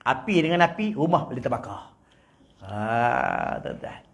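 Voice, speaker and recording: In a prayer hall, a preacher with a gravelly, medium-pitched voice and a Malaysian Malay accent gives a humorous sermon, playfully teasing his listeners. He's very animated yet talks a little slowly, and his volume moves between loud and quiet.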